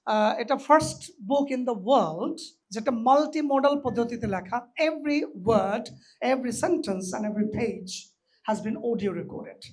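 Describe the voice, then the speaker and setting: A man teaching English pronunciation to new college students in a hall, lively and teasing, slipping English phrases into his talk. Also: very high-pitched. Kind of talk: lively classroom lecture with a live audience.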